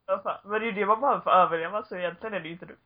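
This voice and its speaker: A woman in her twenties telling stories in a casual podcast chat, full of fillers. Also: medium pitch. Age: 20s. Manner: chatty storytelling with frequent fillers and laughs. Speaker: podcast co-host. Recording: dull lo-fi old recording.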